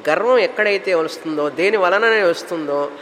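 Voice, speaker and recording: A man's voice: sits high, normal speed, a bit bright, in a large hall, a little hiss or hum, low-quality recording. A man giving a spiritual discourse as a teacher, explaining terms in long listed runs. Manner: explanatory, lists terms in runs, mixes English words.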